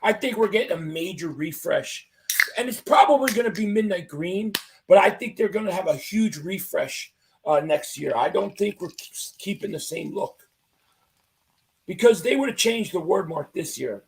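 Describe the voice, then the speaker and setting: With slight background noise behind him, a man runs a relaxed sports livestream and reads viewers' comments aloud. His high voice is animated and normal in speed, but husky and fading as he loses it.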